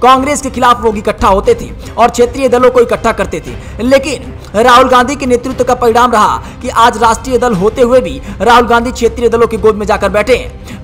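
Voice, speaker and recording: High-voiced woman reading dramatic news. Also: a bit bright. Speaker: news voice-over narrator. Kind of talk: scripted news narration.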